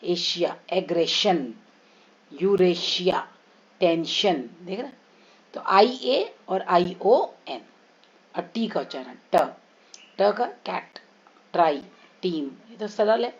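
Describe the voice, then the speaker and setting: A woman teaching English pronunciation, slowly stretching and repeating sounds and words for her students. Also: lowish voice. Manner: slow, drawn-out repetition of sounds and words. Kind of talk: explanatory pronunciation lesson. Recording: slightly dull lo-fi recording.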